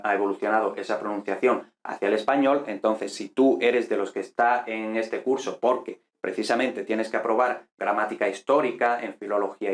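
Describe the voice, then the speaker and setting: A man from teaching a casual online Latin lesson, explaining step by step with fillers and quick tag questions. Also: on the low side, roomy sound.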